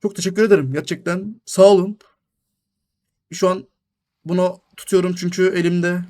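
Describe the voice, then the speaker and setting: Excitable young man commentating a football game. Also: high-pitched, brisk. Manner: excitable play-by-play, shouting at goals and griping at the referee. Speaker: gaming YouTuber.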